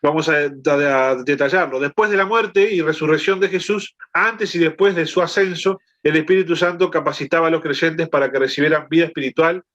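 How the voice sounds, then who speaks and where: A man's voice: on the high side, fairly quick, few pauses, a bit bright, dull audio. A man leading a Bible lesson over a video call, explaining and often checking in with his listeners. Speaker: Bible study teacher.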